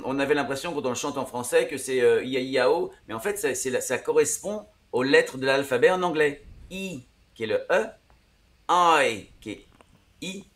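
A man's voice: mid-range voice, fairly bright tone. A man teaching English words in a casual, patient way. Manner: patient, explaining, chuckles. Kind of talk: casual lesson.

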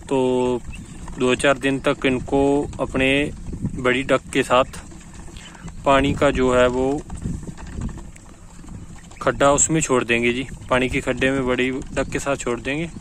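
A man's voice: mid-range voice, flat delivery, slow pace, long pauses, fairly bright tone. A man with a Rajasthani Hindi accent, a poultry farmer who talks to viewers while walking his farm, filmed on a phone outdoors. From India. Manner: chatty, keeps addressing viewers, points things out. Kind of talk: casual farm walk-through vlog. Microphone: phone camera held by the filming speaker. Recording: faint outdoor background noise. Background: chickens and birds clucking.

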